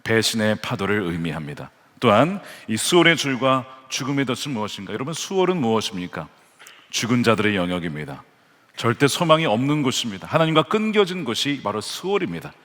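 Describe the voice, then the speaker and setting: A man's voice: medium pitch, very animated, a little fast, a bit bright. A man preaching a Sunday sermon as pastor, earnest and building to fervent emphasis when he quotes scripture. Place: large church sanctuary. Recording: long hall reverb from church sanctuary.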